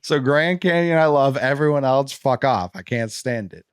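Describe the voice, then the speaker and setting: Animated man on a dry sports podcast. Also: mid-range voice, moderate pace, smooth, no room sound. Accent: Boston. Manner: animated, swears casually, lots of restarts. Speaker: podcast host. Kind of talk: casual sports podcast chat.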